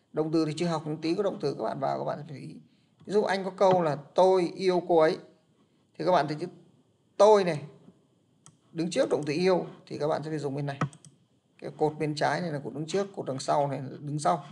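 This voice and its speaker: A man's voice: a little high, vocal fry, darkish tone. A man teaching an English class, explaining patiently and repeating his points.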